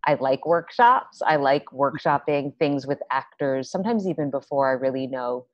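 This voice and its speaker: A young woman with a very low, deep voice talks through a video call. The audio is dry and dull, like a laptop mic in a small home room. She rambles in a relaxed way, full of "like" and restarts. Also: moderate pace, no echo. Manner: chatty, many fillers and restarts. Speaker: playwright guest. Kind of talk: casual video-call interview. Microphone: laptop webcam on video call.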